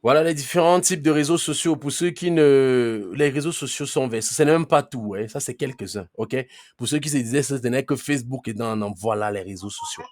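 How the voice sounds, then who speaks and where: A trainer with a darkish, mid-range voice talks fairly quickly while teaching a live online class, recorded with clean studio sound and no room sound. He speaks conversationally, keeps checking in with "ok?" and firmly tells late arrivals to mute their mics.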